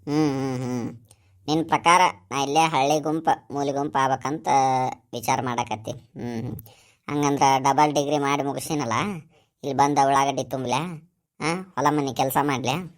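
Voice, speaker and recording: A woman voicing a young village man working abroad, gentle and pleading, with a North Karnataka Kannada accent. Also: rumbling low, steady tone, moderate pace. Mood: reluctant. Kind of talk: cartoon voice acting.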